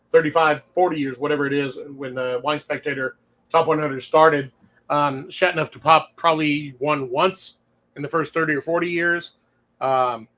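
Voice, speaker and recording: A man's voice: on the high side, fairly bright tone. A man from Louisiana hosting a casual wine-tasting show, telling stories in a rambling, chatty way and sometimes talking with his mouth full. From Louisiana, USA. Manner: chatty, rambling storyteller who often chuckles; talks with his mouth full while eating. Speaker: wine shop owner and show host.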